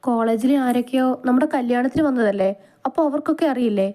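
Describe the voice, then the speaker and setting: A woman's voice: a little high, fast talker, warm tone, pitched above the performer's own voice, close to an everyday voice. A woman voicing a sweet, childlike young bride in a storybook reading. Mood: pleading. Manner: pleading, childlike. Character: sweet young village bride, emotional and pleading.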